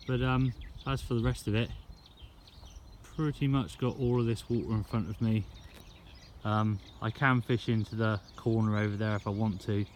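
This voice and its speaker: A fishing vlogger chats to his camera outdoors by a lake, relaxed and full of slang. He speaks at a normal speed in a steady, lowish voice, with background noise and the sounds of the outdoors around him.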